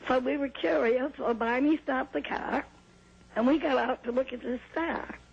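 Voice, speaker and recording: An older woman from New Hampshire calmly recounting a personal experience in an interview, heard on an old VHS tape. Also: high voice, normal speed, creaky, breathy edge, muffled recording. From New Hampshire, USA. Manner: calm, plain storytelling with small laughs and restarts. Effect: old VHS tape sound. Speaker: interview guest.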